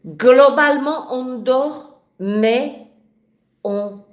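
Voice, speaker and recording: A woman's voice: high voice, drawn-out words. A woman with a French regional accent, speaking passionately and spontaneously as the host of a spiritual live stream, with frequent restarts. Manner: passionate, animated, with many restarts. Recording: echoey room.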